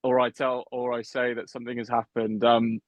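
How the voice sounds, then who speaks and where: A man's voice: mid-range voice, flat delivery, a little fast, no room sound. A man co-hosting a rugby podcast, chatting casually and jokily, swearing now and then. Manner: chatty, jokey and swearing, breaks into laughter. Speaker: podcast co-host. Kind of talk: casual chat. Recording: dry, slightly dull lo-fi sound.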